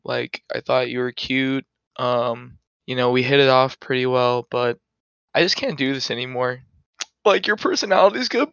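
A man's voice: medium pitch, fairly bright tone, clean tone, dry recording, close to an everyday voice. A man playing a smug, vain young boyfriend in a comedy skit, teasing and mock-serious. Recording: dull lo-fi sound.

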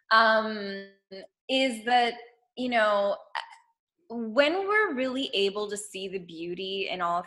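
A woman's voice: medium pitch, sharp tone. A woman guest on a podcast talking casually and earnestly about spirituality, with many fillers and restarts. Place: at home.

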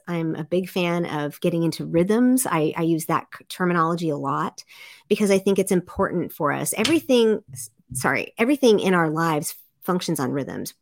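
A middle-aged woman speaking earnestly as a podcast guest, acting out quotes in a lively way. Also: gravelly, no room sound, clean studio sound. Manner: earnest, animated, acts out quotes with big pitch jumps. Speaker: podcast guest, life coach. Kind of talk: casual interview chat.

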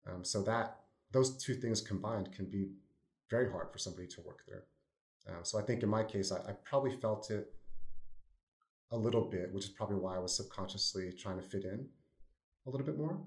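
Podcast guest, New Jersey man, thoughtful and easygoing, deep voice. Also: brisk. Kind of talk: casual discussion. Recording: roomy echo.

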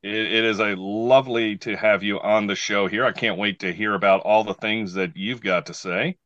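A man's voice: fairly low pitch, fairly even intonation, normal speed, a bit bright, no room sound, highs cut off. A man hosting a show in a folksy, showman-like way, announcing with emphatic phrasing. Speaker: radio show host. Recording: faint music behind the voice.

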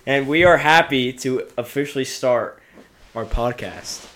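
A man's voice: mid-range voice, unhurried, fairly bright tone. A young man hosting a casual podcast, upbeat as he chats and reads out trivia questions. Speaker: podcast host. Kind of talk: casual chat.

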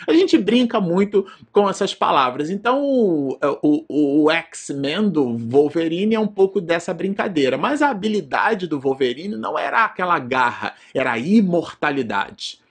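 A Brazilian man with a slightly raised, husky voice delivers a loose study lecture. He wanders into side remarks and keeps checking in with short filler tags. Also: a little high, big pitch swings, moderate pace, few pauses. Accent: Brazilian Portuguese. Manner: digressive, frequent filler tags and restarts. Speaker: presenter of a spiritist study program.

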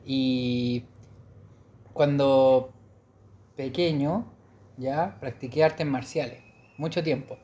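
A young man with a Chilean Spanish accent, co-hosting a casual chat in a relaxed, rambling way. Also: mid-range voice, extremely slow, long pauses. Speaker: podcast co-host.

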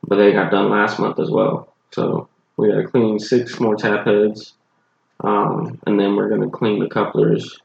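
Man, Southern accent, groggy, low-pitched, rambling casual chat, muffled audio. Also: flat delivery, a little slow, vocal fry, echoey room. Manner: rambling, loose, swears casually. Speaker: podcast co-host, bartender.

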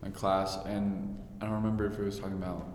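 A man's voice: sits low, level tone, quick pace, a little mellow. A young man co-hosting a casual, candid chat in a very echoey, hard-walled room. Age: young adult. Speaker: podcast co-host. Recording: very echoey room, faint noise.

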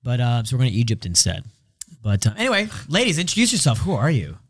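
A man's voice: mid-range voice, huge pitch swings, fast talker, slightly rough, dry recording. A man hosting a podcast in casual banter, brash and joking with his guests, swearing freely. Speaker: podcast host.

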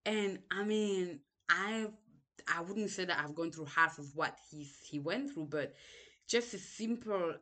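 A young Cameroonian woman hosting a podcast reflects on her past in a hesitant monologue with a Cameroonian accent, restarting sentences often and saying many ums. Her voice is on the low side, a little slow, and fairly bright in tone.

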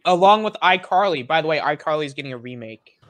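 Animated young podcaster, slangy and laughing. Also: mid-range voice, quick pace. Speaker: podcast co-host. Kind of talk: casual chat.

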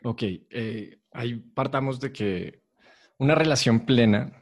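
A man, a podcast guest, explaining in a measured, teacherly way with rhetorical questions. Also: mid-range voice. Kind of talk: calm explanatory chat.

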